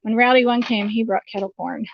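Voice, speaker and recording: A woman's voice: on the high side, fairly even intonation, a little fast, dull audio. A woman hosting a casual livestream outdoors at a campground, chatting and reading out the names of viewers. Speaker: livestream host. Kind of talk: casual chat.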